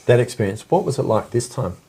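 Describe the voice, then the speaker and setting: A man hosting a casual live stream chat, talking in a halting way full of ums and restarts. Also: mid-range voice, animated, mellow, slightly rough.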